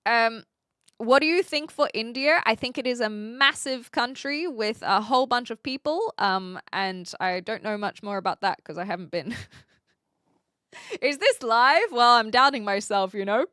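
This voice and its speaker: A woman's voice: a little high, expressive, a little slow, pushed and bright, smooth, dry recording, clean studio sound. A woman in her twenties with a mixed English-dialect accent with a New Zealand tinge, chatting casually and playfully on a live stream, reading out comments and replying with self-deprecating humour. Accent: mixed English-dialect accent with some New Zealand. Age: 20s.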